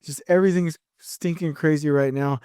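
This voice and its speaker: Recorded at studio quality with no room sound, a man hosts a solo podcast in an energetic, rambling style with many restarts. His clear, resonant voice is on the high side at normal speed, and he sounds upbeat despite a sore, slightly scratchy throat.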